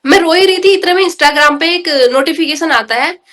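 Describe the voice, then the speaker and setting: Brief: woman guest, high voice, earnest and emotional storyteller. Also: normal speed, a bit bright. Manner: earnest, emotional storytelling, often addressing the host as brother. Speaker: podcast guest. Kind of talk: recounting a personal devotional experience.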